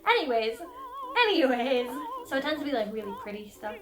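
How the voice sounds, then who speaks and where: A young woman singer explaining a song in a casual lesson, animated and giggly, acting out lines dramatically. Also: a little high, brisk. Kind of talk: casual music lesson vlog. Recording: echoey room with soft piano music.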